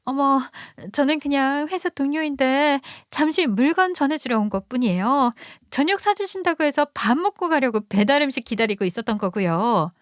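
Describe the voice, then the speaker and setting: A woman's voice: sits high, expressive, normal speed, few pauses, dry recording, clean studio sound, pitched above the performer's own voice. A woman voicing a brazen young mistress who speaks with sugary politeness while defending the affair. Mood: flustered. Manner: sweetly polite, then boldly defiant.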